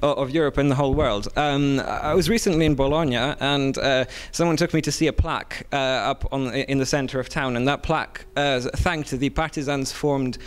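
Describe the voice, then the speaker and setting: A man's voice: medium pitch, normal speed, hardly any pauses, clean tone. A young man from Serbia giving an earnest comment at a panel, with many fillers and restarts, speaking into a handheld mic in a conference hall. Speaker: audience member speaking at a panel. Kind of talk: impassioned public comment.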